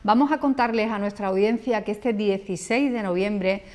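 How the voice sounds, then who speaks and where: A woman's voice: mid-range voice, normal speed, darkish tone. A woman hosting a local TV interview, asking questions in a conversational way with some fillers. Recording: long hall reverb.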